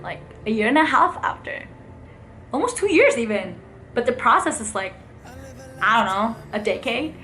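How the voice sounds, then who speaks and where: A woman's voice: medium pitch, fairly bright tone. A young woman giving a heartfelt spoken wedding toast to camera, chatty and storytelling, getting emotional at times. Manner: chatty storytelling, acts out quotes, tearful moments. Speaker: vlogger giving a wedding speech to her cousin.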